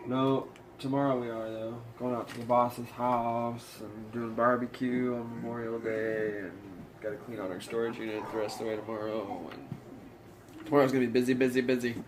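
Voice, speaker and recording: A man's voice: mid-range voice, level tone, moderate pace, noisy background. A tired man chatting casually as co-host of a family vlog. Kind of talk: casual chat.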